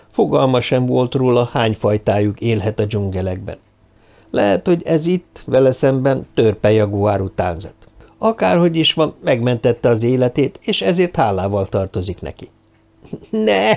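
A man reading an adventure novel aloud as narrator, in a steady, measured storytelling manner. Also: medium pitch, gravelly. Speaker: audiobook narrator. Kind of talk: scripted narration.

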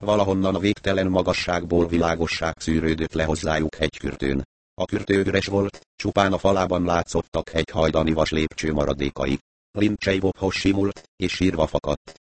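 A man reading an audiobook in a steady, measured narration on a close mic. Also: deep voice, dry recording.

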